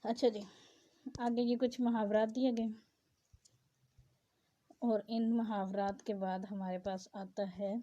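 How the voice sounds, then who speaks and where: A woman's voice: mid-range voice, little pitch movement, slow pace, long pauses, dark tone. A woman teacher reads out a grammar lesson and explains it in plain asides. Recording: dull lo-fi sound.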